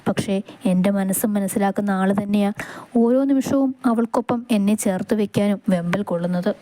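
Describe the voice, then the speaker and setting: A woman voicing a young man in love, speaking softly, tender and teasing. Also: mid-range voice, fairly quick, a little hiss or hum, lightly acted. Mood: pleading.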